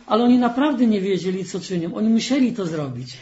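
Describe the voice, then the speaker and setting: A man's voice: sits high, lively intonation, fast talker, a little mellow. A man preaching a sermon in church, reading scripture and stressing key phrases earnestly. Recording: dull lo-fi recording.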